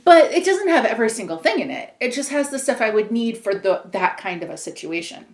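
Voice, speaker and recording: A woman co-hosting a podcast talks in a loose, rambling way, full of "like" and "whatever." Her voice sits a little high. The room is echoey. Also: very animated, fairly quick. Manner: chatty, rambling, lots of "like" and "whatever". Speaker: podcast co-host. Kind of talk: casual chat.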